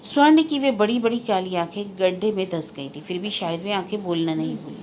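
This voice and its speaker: A woman narrating a novel as an audiobook, measured and literary. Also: mid-range voice, a little mellow, slight background noise.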